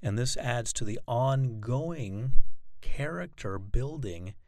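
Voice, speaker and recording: A man with a gravelly, creaky edge to his voice explains things in a calm, measured way, leaning into slow, deliberate phrases. The sound is close and dry, with no room around it. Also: medium pitch, dry recording. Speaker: hypnotherapist. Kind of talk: explanatory monologue to camera.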